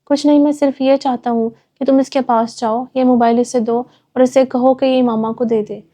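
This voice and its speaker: A woman's voice: high-pitched, flat delivery, mellow. Brusque arrogant young man, read by a woman. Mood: curt. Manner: curt, commanding.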